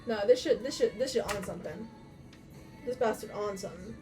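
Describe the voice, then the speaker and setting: A woman's voice: mid-range voice, a little fast. A young adult woman chatting casually on a livestream in a sweary, slangy, muttering way, heard from far off on a laptop mic. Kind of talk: casual livestream chat while crafting. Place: her room at home. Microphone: far from mic, laptop at a distance. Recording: distant laptop mic, music behind. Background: music.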